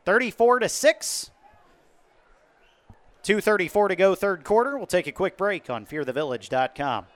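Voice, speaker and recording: An American man giving live play-by-play commentary on a football game, moving between measured description and raised-voice calls. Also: high-pitched, lively intonation.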